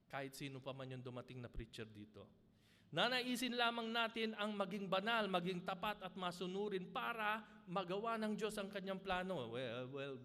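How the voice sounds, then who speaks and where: High-voiced Filipino preacher in a reverberant hall. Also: male voice, fairly bright tone. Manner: admits to nervous stumbles and restarts. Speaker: pastor. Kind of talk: sermon. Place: church hall. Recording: long church hall reverb.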